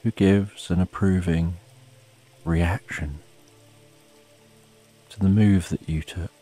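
Soft husky guy doing sleep story narration, really mellow and calm, rain behind him. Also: deep voice, soft background music. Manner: calm, unhurried, with long pauses. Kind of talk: slow, soothing bedtime story narration.

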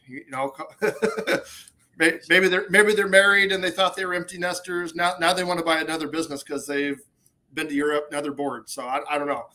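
This guest is a business consultant in his forties, speaking in an upbeat, matter-of-fact way during a casual interview chat over a video call. His pitch is fairly high and his tone sharp, captured by a webcam in an indoor office.

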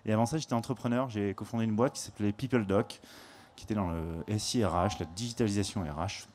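A man moderating a startup panel on a conference stage, chatty and halting, with frequent repeated words. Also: lowish voice, darkish tone, a little hiss or hum. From France.

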